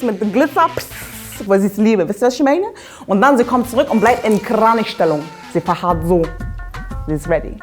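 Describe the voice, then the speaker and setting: A young woman hosting a comedy video spins playful, exaggerated stories straight to the camera. Her voice sits somewhat high, and faint music plays behind her. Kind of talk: comic storytelling to camera.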